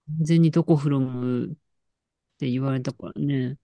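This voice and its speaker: A woman's voice: extremely low pitch, fairly even intonation, a little slow, mellow, no room sound. A woman in casual chat, telling an anecdote with lots of fillers and restarts. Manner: storytelling with frequent fillers and laughs.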